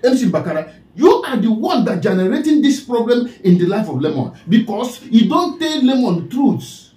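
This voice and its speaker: A man with a Nigerian accent lectures and scolds in a strikingly high voice that swoops up and down. His tone is mellow rather than bright. It sounds like a roomy, echoey space. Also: big pitch swings, normal speed. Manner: preachy and scolding, repeats the name he addresses. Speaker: online commentator. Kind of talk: scolding commentary monologue.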